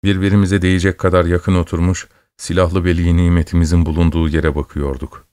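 A man narrating a story in a steady, measured storytelling voice. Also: low-pitched, no room sound, studio quality. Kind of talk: scripted narration.

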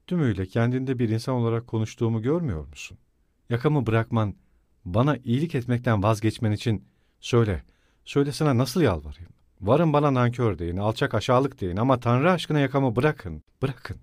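Weary bitter young guy, low and slow and fed up, man reading it in a dry audiobook voice. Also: animated, mellow, no echo, close to an everyday voice. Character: feverish embittered young man, weary and resentful.

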